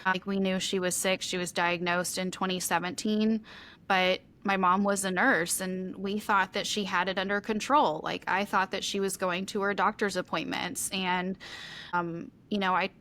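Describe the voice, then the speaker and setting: A woman's voice: medium pitch, flat delivery, normal speed, a bit bright. A woman co-hosting a podcast, talking candidly and at length in a rambling, open way with many "like" fillers. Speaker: podcast co-host. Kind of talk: candid conversational chat.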